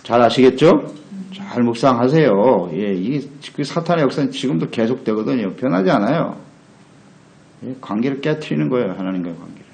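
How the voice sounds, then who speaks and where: A man's voice: medium pitch, lively intonation, brisk, gravelly, a little mellow, low-quality recording. A male pastor preaching a meditation sermon, earnest, putting rhetorical questions to his listeners. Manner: earnest, asks the congregation rhetorical questions, acts out quotes.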